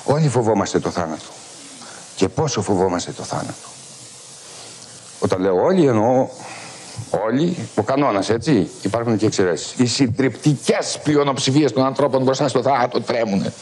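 A middle-aged man, a philosophy professor, delivering a lecture in an animated, emphatic storytelling manner, with a husky voice. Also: mid-range voice. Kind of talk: university-style lecture. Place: lecture hall at a military school.

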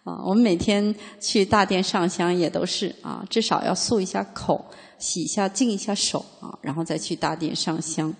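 Husky-voiced woman teaching in a reverberant hall. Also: lowish voice. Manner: reads a classical passage slowly, then explains it in plain speech; chatty, frequent "啊" fillers and rhetorical questions. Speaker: Buddhist teacher. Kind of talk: dharma lecture, explanatory and conversational.

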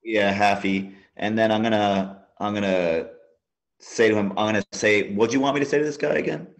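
Low-voiced male player in a tabletop game, walking through his moves with lots of fillers. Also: steady tone, a little fast. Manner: describes actions step by step, with fillers.

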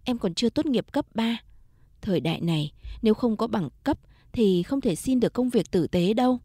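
A woman voicing a caring, successful man who speaks softly and reassuringly in a storybook reading. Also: fairly high pitch, animated, moderate pace, dry recording, studio quality. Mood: gentle.

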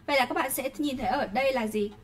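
A woman with a Vietnamese accent teaches an English class online in a high voice. She pronounces English words slowly and deliberately, then speeds up when she explains. She keeps checking in with her students as she goes.

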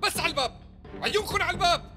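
A man's voice: extremely high pitch, animated, very fast, over music. A hot-headed Syrian gunman. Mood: threatening. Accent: Syrian Arabic. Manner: shouting threats. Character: armed male fighter, hot-headed and threatening. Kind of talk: television drama acting.

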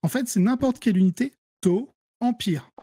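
A French-accented man talking through strategy for a tabletop wargame in a relaxed, mellow voice. He explains things step by step, trailing off into fillers and restarting his sentences. The sound is dry and close. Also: very high voice, moderate pace, breathy edge, dry recording. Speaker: guest player. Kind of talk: casual gaming discussion.

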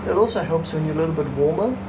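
A man's voice: fairly high pitch, animated, very fast. Young man coaching casually, noisy outdoor recording. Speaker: host coaching a guest through an ice bath. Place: outdoor covered backyard patio. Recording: outdoor background noise, distant mic.

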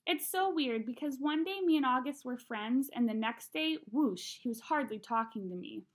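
A young woman with a slightly high voice reads a children's novel aloud at a moderate pace, audiobook style. She is expressive and conversational, acting out the dialogue as she narrates. She is recorded in a small room at home.

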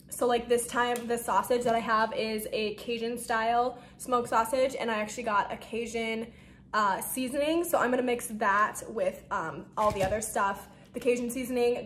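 A woman's voice: fairly high pitch, steady tone, moderate pace, a bit bright. Young female home vlogger, casual and rambling, a little out of breath, recorded in an echoey room. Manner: chatty, rambling, lots of "like" and "um". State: a bit out of breath. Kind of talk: casual talk-through of meal prep. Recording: echoey room with faint noise.

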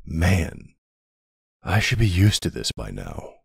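A man performs an intimate audio roleplay as a loving mafia boss husband and father, his exaggerated voice very deep, husky, and gravelly with fry, at times sing-song. Soft, slow, and marked by tender, hesitant pauses, he sounds worried and then relieved; the sound is close and dry with no echo.

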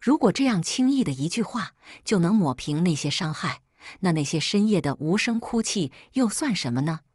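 A woman reads a first-person melodrama aloud in a cool, bitter tone. Her voice sits low with a husky grain. The sound is close and dry, with no room around it. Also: animated, normal speed, a little mellow, dry recording. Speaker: story narrator. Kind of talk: first-person audiobook narration.

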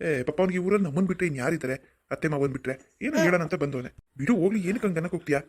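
A voice actor playing a kind, calm middle-aged village uncle in a cartoon. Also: medium pitch, very fast, natural voice. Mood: friendly. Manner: calm, soothing, firm. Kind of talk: cartoon voice acting.

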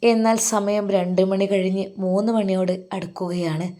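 Woman storyteller, earnest emotional narration, dark mellow tone. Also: medium pitch, steady tone, moderate pace.

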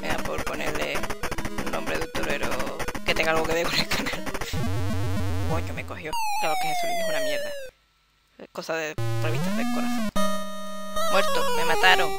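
A speaker with a Spanish accent from Spain giving casual gameplay commentary, chatty, swearing freely and shouting to cheer the game on. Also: mid-range voice, steady tone, moderate pace, vocal fry, long pauses. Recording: loud background game music.

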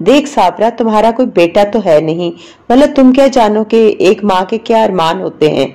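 A woman's voice: medium pitch, expressive, dark tone, natural voice. A woman doing a boastful scolding mother. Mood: proud. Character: proud, sharp-tongued middle-aged mother, a woman.

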